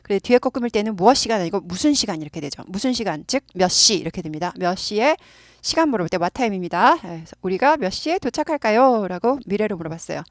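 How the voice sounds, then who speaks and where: A woman's voice: mid-range voice, expressive, fast talker, dry recording, clean studio sound. A woman with a Korean accent, an English teacher patiently explaining grammar and drilling pronunciation by repeating phrases.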